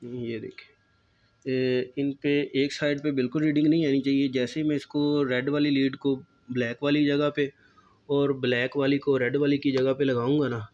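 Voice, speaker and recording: A man, calmly explaining a step-by-step electronics repair at a workbench, recorded on a phone filming his hands. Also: medium pitch, moderate pace, lo-fi sound. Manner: calm, explanatory, pointing things out. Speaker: repair technician.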